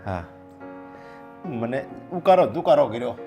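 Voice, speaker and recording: A man's voice: mid-range voice, expressive, a little slow, highs cut off. A man playing a hurt, defeated middle-aged father. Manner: grieving, heavy sighs. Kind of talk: short film acting. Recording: faint background music. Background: faint music.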